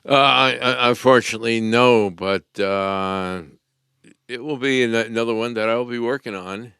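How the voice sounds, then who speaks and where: A musician chats on a podcast in a modest, halting manner, often stammering and restarting. His voice is very clear and bright, and it is recorded close and dry. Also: mid-range voice, no echo. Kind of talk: casual podcast banter.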